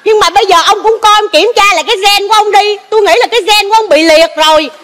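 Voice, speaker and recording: Nagging wife, super high and fast, noisy stage recording. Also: female voice. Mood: bickering. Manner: shrill, quick bickering. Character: scolding middle-aged wife and mother. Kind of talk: stage comedy sketch.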